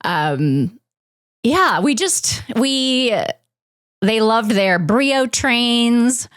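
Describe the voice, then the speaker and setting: A middle-aged woman, a podcast guest, reflectively telling a personal story with many pauses and fillers. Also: on the high side, expressive, a bit bright, no room sound, studio quality.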